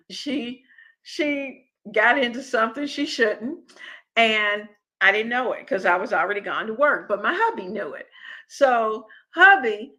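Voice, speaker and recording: A woman's voice: medium pitch, sharp tone, rough recording. A middle-aged woman hosting a home cooking live stream, chatting with viewers in a rambling, friendly way with many restarts. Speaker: cooking channel host.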